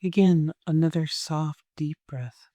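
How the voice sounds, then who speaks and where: Soothing and gentle, a person talks listeners through a meditation, pausing at length and never rushing. The mid-range voice keeps a steady tone, and there's no echo.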